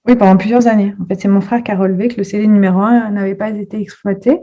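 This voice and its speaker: A woman's voice: medium pitch, steady tone, quick pace, dark tone, dull audio. A woman in her thirties telling her own story as a podcast guest, hesitant, with many fillers and restarts. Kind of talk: personal testimony in a podcast interview.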